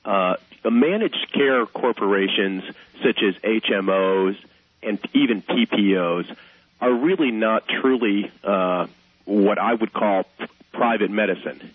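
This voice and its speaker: A man's voice: on the low side, unhurried, breathy edge, dry recording. A man giving hesitant, explanatory answers as a commentator in a radio interview over the phone. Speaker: guest commentator on health care. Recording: tinny phone line.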